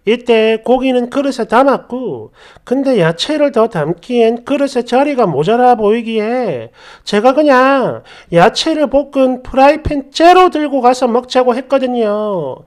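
A woman's voice: on the high side, lively intonation, unhurried, hardly any pauses, darkish tone. A woman narrating a reader's story in the first person, in a chatty, exasperated way, speaking straight to her viewers.

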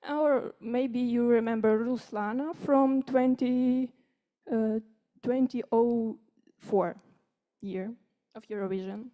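In a conference room full of seated listeners, a teenage girl of fifteen presents as a youth speaker, friendly and informal. She is a native Ukrainian speaker with a Ukrainian accent, and her slightly high voice moves slowly on a muffled recording.

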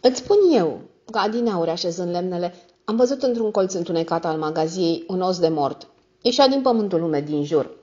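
A cruel, bossy older sister who sneers and scolds in sharp jabs, put on by a woman reader. The lo-fi recording sounds muffled. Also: expressive, lightly acted. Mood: sneering. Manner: mocking, shrill scolding. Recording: dull lo-fi audio.

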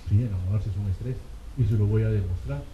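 A man's voice: fairly low pitch, quick pace, a little hiss or hum. A male medical exam lecturer, teaching through rhetorical questions and frequent "ok?" check-ins. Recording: tinny, echoey classroom recording.

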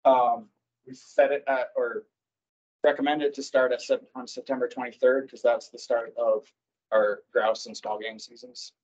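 A man presenting wildlife season recommendations at a public board meeting, speaking haltingly with many fillers and self-corrections over a video call. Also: medium pitch, level tone, a little mellow. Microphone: computer mic on a video call. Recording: dull lo-fi video call audio.

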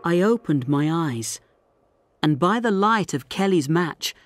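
A man narrating a story slowly and clearly for English learners. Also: fairly high pitch, animated, dry recording. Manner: slow, deliberate, clearly articulated.

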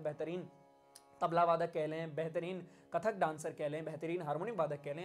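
A man's voice: on the high side, a little mellow. A man with an Indian accent giving a spoken music lesson, acting out emotions and lines of dialogue as he explains. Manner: demonstrative, acts out emotions and lines. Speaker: music teacher.

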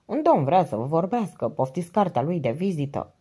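A woman reading the lines of a timid, polite old male office usher in an audiobook, soft and deferential. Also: low voice, sing-song, husky, heavily acted.

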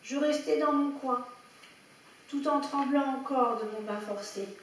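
A woman storyteller reading a children's picture book aloud with lively expression. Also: high voice, unhurried, slight background noise. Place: indoor room at a public story reading. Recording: echoey room, heard from a distance, faint background ambience.

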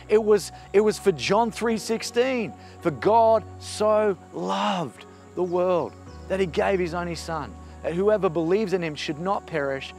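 A man, a pastor giving an earnest, encouraging sermon on a forest path. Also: a little high. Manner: earnest, encouraging preaching with emphatic rises. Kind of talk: outdoor video sermon. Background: soft music.

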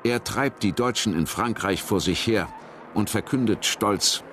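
A man's voice: on the low side, a little slow, a bit bright, a little hiss or hum. A man reading scripted narration for a historical documentary.

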